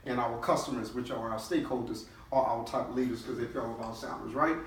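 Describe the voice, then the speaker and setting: Talking fast with a medium pitch and fairly even intonation, a middle-aged chief executive from New Orleans, United States, fires up his staff at a team-building session. He's emphatic and keeps asking brief check-in questions, captured on a distant mic in an echoey room with faint noise.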